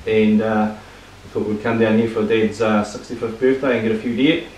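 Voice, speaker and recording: A man's voice: fairly low pitch, little pitch movement, brisk, darkish tone. A man with a New Zealand accent chatting casually indoors, away from the camera. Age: adult under 45. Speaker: hunting guest. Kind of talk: casual chat. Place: small plain room indoors. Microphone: camera a couple of metres away. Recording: echoey, distant, thin phone-like, noisy.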